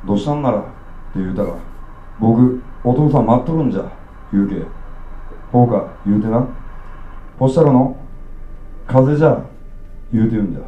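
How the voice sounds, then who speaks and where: A man with an Okayama accent voicing a gruff, drunk middle-aged uncle who rants bluntly at a child in rough dialect. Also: mid-range voice, normal speed, long pauses, reverberant, phone-quality sound, a little hiss or hum, close to an everyday voice. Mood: rambling.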